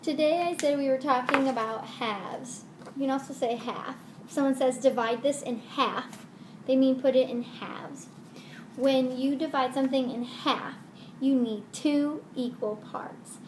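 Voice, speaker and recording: A woman's voice: high voice, unhurried. A woman teaching young children math in the simple, sing-song manner of a kids show host. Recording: roomy echo with faint noise.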